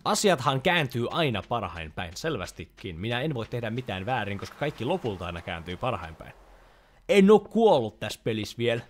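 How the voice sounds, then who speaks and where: Lively chatty gamer guy. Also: medium pitch, slight background noise. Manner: chatty, reads game dialogue aloud, jokey asides. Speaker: gaming YouTuber. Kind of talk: casual let's-play commentary.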